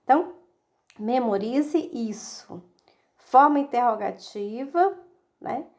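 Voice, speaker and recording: A woman with a fairly high voice teaching a recorded English lesson. She speaks slowly and deliberately, drawing out the English example sentences. She asks the class questions and then answers them herself. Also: lively intonation, darkish tone.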